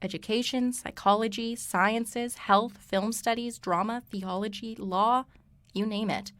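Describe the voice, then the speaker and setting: A young woman co-hosting a student radio show, reading a scripted segment in a brisk, wry way. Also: a little high, steady tone, a bit bright, no room sound. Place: radio studio.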